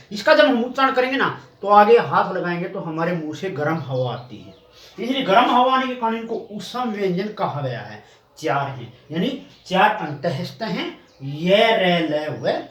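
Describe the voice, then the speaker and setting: A man teaching a pronunciation lesson in a coaching classroom, slowly drawing out each sound and answering his own questions. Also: high voice, fairly bright tone. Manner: drawn-out repetition of sounds. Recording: roomy echo, distant mic.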